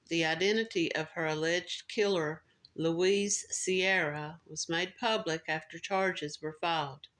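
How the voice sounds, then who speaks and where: A woman's voice: fairly low pitch, fairly bright tone. A woman hosting a true crime podcast, telling the story in a casual, conversational way with restarts and filler words.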